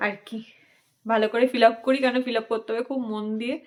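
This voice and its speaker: A woman vlogger and mother chatting casually at home, talking softly and straight to her viewers. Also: a little high, little pitch movement, fast. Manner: soft, homely, talks straight to viewers. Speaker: vlogger, mother of a small boy. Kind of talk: casual home vlog chat.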